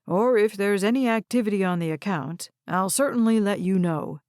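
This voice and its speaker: A composed, shrewd lawyer man, as a woman narrator voices him, speaking in measured, cool tones. It is a dry, close audiobook recording. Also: mid-range voice, darkish tone, no echo, lightly acted.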